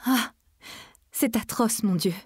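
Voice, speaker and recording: A woman reading aloud voices a dying young wife, speaking faintly in a breathy, whispery voice. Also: fairly high pitch, slow, a little mellow, no room sound, studio quality, pitched above the performer's own voice. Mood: anguished.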